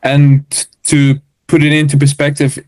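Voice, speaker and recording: A man's voice: fairly high pitch, completely flat delivery, unhurried, a little mellow. A man with a South African accent, a motocross racer explaining things step by step in a casual podcast interview. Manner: matter-of-fact, explains step by step.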